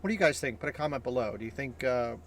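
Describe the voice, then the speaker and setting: A man's voice: mid-range voice, lively intonation, racing, slight background noise. A man chatting casually to the camera as a vlogger, upbeat and explanatory, recorded in a car and in a store. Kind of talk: casual vlog chat.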